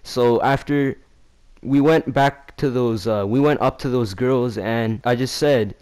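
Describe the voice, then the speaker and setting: A man's voice: measured pace, clear, resonant tone. A young man in a casual vlog telling a story in slangy, profane, rambling talk. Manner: acts out quoted lines in a louder, higher voice. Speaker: vlogger.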